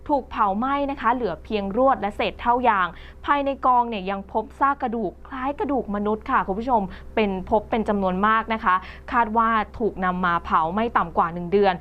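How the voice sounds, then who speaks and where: A woman's voice: a little high, a little fast, few pauses. A woman presenting the news in a conversational reading style, with frequent polite particles. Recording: slightly dull recording with faint music behind.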